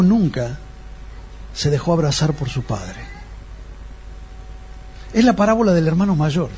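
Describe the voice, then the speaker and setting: A man's voice: sits high, a little mellow, husky. A man preaching a sermon as pastor, explaining a text and putting rhetorical questions to his congregation.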